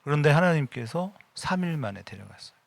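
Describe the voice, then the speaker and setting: A middle-aged man preaching an afternoon sermon as senior pastor in a church. He speaks personally and emphatically, moving between casual talk and sudden loud bursts of prayer. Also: on the high side, expressive, brisk, vocal fry, no echo. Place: church sanctuary.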